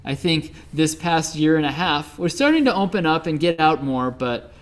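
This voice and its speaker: Middle-aged midwestern guy teaching buddhism, chatty, lots of you-knows, slightly high voice. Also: normal speed. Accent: Midwestern American. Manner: relaxed, conversational storytelling with many fillers. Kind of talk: dharma talk.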